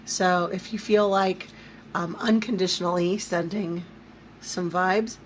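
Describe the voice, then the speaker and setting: A woman with a squeaky voice strained by allergies, teaching an informal livestream lesson in a conversational, emphatic, down-to-earth way. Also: steady tone, unhurried. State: throat and voice affected by allergy. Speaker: spiritual teacher leading a live online series. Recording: noticeable background noise.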